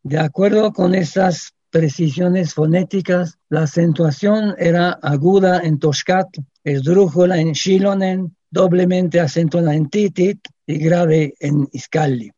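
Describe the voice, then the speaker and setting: A man giving a measured, formal reading of a scholarly essay on a radio program. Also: fairly high pitch, dark tone, no echo. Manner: measured, academic delivery. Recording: dull, lo-fi radio sound.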